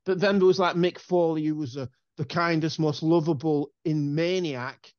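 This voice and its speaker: A man's voice: fairly high pitch, steady tone, moderate pace, a little mellow, smooth, no room sound. A man in his forties, a guest in a casual interview, telling stories with enthusiasm and wandering off on rambles. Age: 40s. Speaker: guest musician. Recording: dull lo-fi dry sound.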